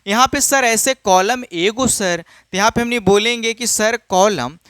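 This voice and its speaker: A man's voice: high voice, unhurried, a bit bright, smooth, dry recording. A man teaching a maths lesson, often asking a question and answering it himself, and calling his students children. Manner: repetitive, asks and answers his own questions; casual, addresses students as children.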